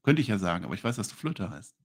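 A man's voice: on the low side, rapid-fire, creaky, slightly rough. A man co-hosting a wrestling review podcast in casual chat, joking and acting out wrestlers' lines. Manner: animated, jokey, acts out wrestlers' lines.

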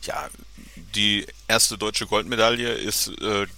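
A male sports reporter joins a podcast as a guest, his voice low and sharp. He hesitates often, repeating words and filling pauses. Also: level tone. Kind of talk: podcast interview.

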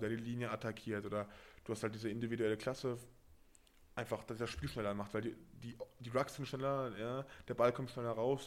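A young man from Berlin, co-hosting a casual podcast chat and talking loosely with lots of fillers and restarts. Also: mid-range voice. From Berlin, Germany. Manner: relaxed, chatty, many fillers and restarts. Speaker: podcast host and rugby player.

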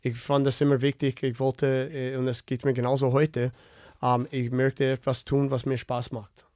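A man's voice: mid-range voice, little pitch movement, moderate pace, a little mellow, no echo. A man in his fifties from Canada, speaking with a Canadian English accent and many fillers and restarts as a podcast guest. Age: 50s. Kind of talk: casual interview chat.

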